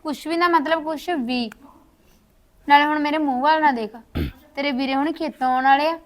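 A woman's voice: high voice, fairly even intonation, normal speed, natural voice. A woman acting a spiteful sister-in-law who taunts and orders around her widowed relative in a short village drama. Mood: scolding. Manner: scolding, taunting, commanding. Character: cruel scheming sister-in-law, bossy and spiteful.

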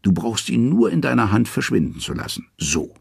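A man voicing a proud, hot-tempered male dwarf smith who talks gruffly and bluntly. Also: mid-range voice, big pitch swings, moderate pace, dry recording, studio quality, voice pushed up, heavily acted.

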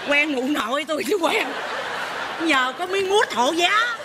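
A woman playing a mother in a live stage comedy sketch, loud and animated, often complaining. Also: high-pitched, measured pace, crowd noise, background noise. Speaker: comic actress playing a mother.

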